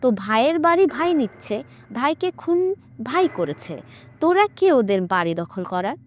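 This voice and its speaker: A woman voicing a calm, commanding male exorcist in a horror audiobook, stern and mocking as he questions a spirit. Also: high-pitched, moderate pace. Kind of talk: audiobook character voice.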